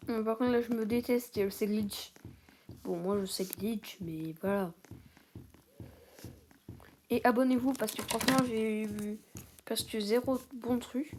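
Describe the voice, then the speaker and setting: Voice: mid-range voice, steady tone, a little slow, pauses often, darkish tone, slight background noise. A young person giving casual, rambling gameplay commentary in an exasperated, self-conscious way. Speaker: gaming video creator, player. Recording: music behind the voice.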